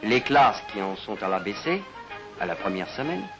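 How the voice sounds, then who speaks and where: A man narrating a 1950s broadcast documentary in a measured, formal manner, sometimes posing rhetorical questions. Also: lowish voice, lively intonation. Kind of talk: scripted narration. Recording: narration over clear background music.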